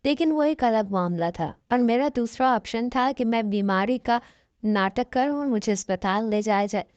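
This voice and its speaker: A woman tells a first-person story in an earnest, plaintive voice. Her pitch is on the higher side. The recording is dry and close, with a dull, lo-fi tone. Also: a little mellow, dry recording. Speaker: narrator.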